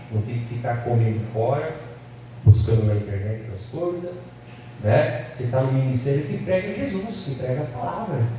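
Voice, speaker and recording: A man's voice: medium pitch, mellow. A man preaching a sermon as pastor, often asking the congregation "amém?" and "né?". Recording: very echoey hall, distant mic, faint room noise.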